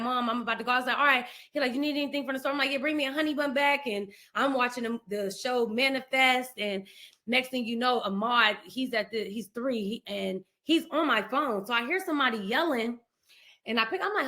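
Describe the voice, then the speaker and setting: A middle-aged woman from Ohio, a podcast guest, telling an emotional personal story and acting out the quoted dialogue in lively voices. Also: a little high. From Ohio, USA. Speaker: podcast guest, speaker and author.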